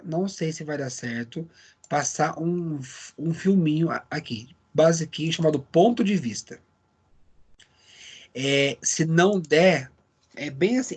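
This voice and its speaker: A man's voice: fairly high pitch, a little mellow, breathy edge. A man teaching a live online class, speaking conversationally and checking in with his students by name over a video call.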